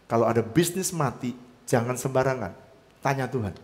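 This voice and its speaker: Pastor preaching in a reverberant hall. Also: male voice, medium pitch, normal speed. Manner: animated storytelling, swinging between loud and soft. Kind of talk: sermon.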